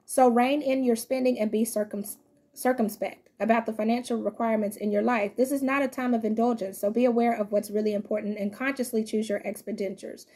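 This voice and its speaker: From her living room couch, a young tarot reader reads cards to a fixed camera a few feet away, chatting loosely with viewers she calls y'all and reading guidebook passages aloud. Her voice is fairly high, steady, brisk and dark in tone.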